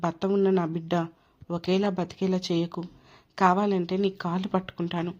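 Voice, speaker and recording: A woman's voice: on the low side, flat delivery, normal speed, a little mellow, natural voice. A woman voicing an older mother who pleads and weeps for her daughter. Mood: pleading, tearful. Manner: pleading, weeping. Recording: dull lo-fi recording.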